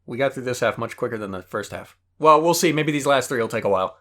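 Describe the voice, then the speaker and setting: A man co-hosting a podcast in casual banter, teasing and laughing often, getting loud when he argues. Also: medium pitch, lively intonation, fast talker. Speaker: podcast co-host.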